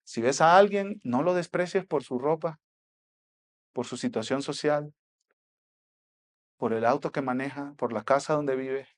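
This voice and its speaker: A man with a Mexican accent preaching a sermon as pastor, swinging between soft asides and loud exhortation. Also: mid-range voice, unhurried, long pauses.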